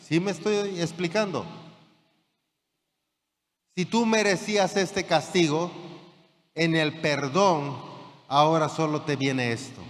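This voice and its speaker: A man's voice: a little high, slow, pauses often. A man preaching a sermon as pastor, building fervor and checking that the congregation follows. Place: church hall. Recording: church hall reverb with faint room ambience.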